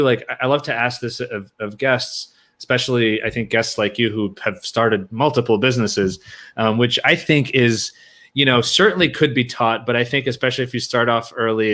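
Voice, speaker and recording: A US-born podcast host keeps the interview casual and friendly, his long questions rambling with frequent fillers and restarts. He speaks briskly at a medium pitch with a fairly bright tone.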